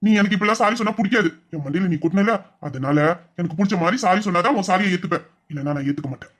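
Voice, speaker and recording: A man's voice: sits high, very fast. A man playing a teasing young husband in an audio drama, mock-stern and scolding. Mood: bargaining. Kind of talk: Tamil audio drama acting.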